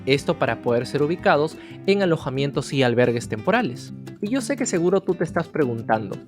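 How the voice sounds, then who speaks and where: A man's voice: a little high, big pitch swings, a little fast. A man narrating an educational history video, telling the story directly to the viewer. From Peru. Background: guitar music.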